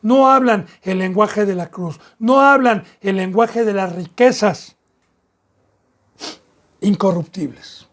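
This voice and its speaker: A man's voice: sits high, slow, long pauses. A man with a Mexican accent preaching a sermon as pastor, with emphatic, repetitive phrasing that rises in bursts.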